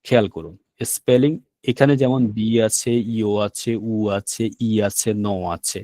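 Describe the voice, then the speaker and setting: A man's voice: on the low side, expressive, unhurried, dark tone, no echo. A man teaching a language class, patiently repeating words and checking that students follow. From Bangladesh. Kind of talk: classroom lesson explaining vocabulary.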